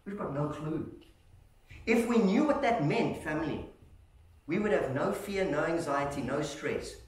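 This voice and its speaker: A man preaching a sermon to his congregation, lively and animated, often calling them "family" and asking "Amen?". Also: on the high side, measured pace. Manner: animated, calls listeners "family" and checks in with "Amen?". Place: church hall. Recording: echoey hall, voice from far off.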